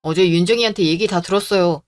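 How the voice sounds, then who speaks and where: A woman voicing a gentle, devoted young man who pleads softly, in a storybook drama reading. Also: on the low side, fast, voice pushed down, close to an everyday voice. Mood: upset. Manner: pleading, soft-spoken.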